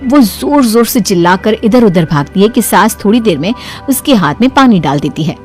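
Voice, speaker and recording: A woman telling a cartoon moral story, her pitch swinging widely as she narrates. Faint music runs beneath her voice. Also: lively intonation, moderate pace, a little mellow.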